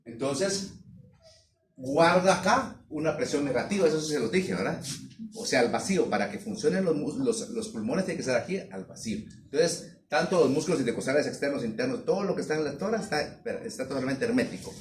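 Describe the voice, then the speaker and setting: A man teaching a veterinary anatomy class, pausing often to check that students follow. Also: mid-range voice, lively intonation. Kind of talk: classroom lecture. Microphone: distant room mic. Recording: echoey room from far off, some noise.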